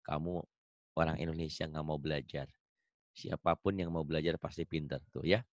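A man teaching a one-on-one Quran recitation lesson, patiently repeating each rule slowly for his student. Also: very deep voice, fairly even intonation, dry recording, muffled recording.

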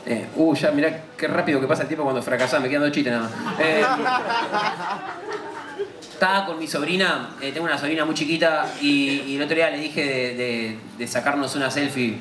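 A man's voice: on the high side, fairly even intonation, brisk, reverberant, crowd noise, noisy background. A young man with a Rioplatense Spanish accent doing a stand-up comedy set, telling stories in casual slang with laughing asides. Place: comedy club stage.

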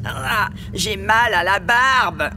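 A man's voice: sits high, drawn-out words, gravelly, background noise, heavily acted. A man voicing a grumpy, stingy dwarf who grumbles his lines in a comic fantasy video game. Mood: griping.

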